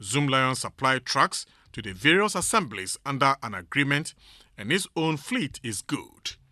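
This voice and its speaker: A man's voice: medium pitch, sing-song, measured pace, pushed and bright, no echo, studio quality. A man reading scripted documentary narration as the narrator. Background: music bed.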